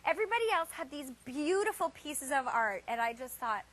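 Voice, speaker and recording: Female home shopping host, high voice, chatty and self-deprecating, casual live presentation. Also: very animated, fairly quick, fairly bright tone, slight background noise.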